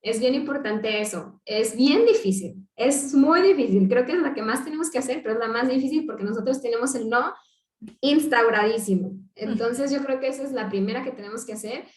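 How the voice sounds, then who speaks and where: A woman psychologist explaining parenting strategies in a radio interview, lively and acting out what parents say, laughing often. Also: on the high side, fairly quick, reverberant. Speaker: psychologist guest.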